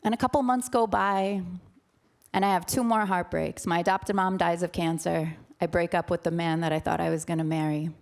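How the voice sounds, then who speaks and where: Gravelly dramatic woman storyteller. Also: fairly low pitch, fairly even intonation, a little fast. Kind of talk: personal storytelling talk.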